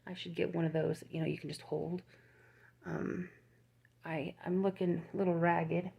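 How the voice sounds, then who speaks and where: An older crochet YouTuber chats casually and rambles while showing her work, laughing and restarting along the way. Her fairly low voice is creaky and husky, with a level tone and moderate pace, and the recording has its highs cut off.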